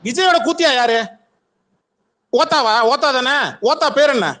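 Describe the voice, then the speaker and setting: A man's voice: very high voice, moderate pace, bright, forceful tone. A man hosting a heated argument in a live online audio room over a phone mic, aggressive, taunting and profane.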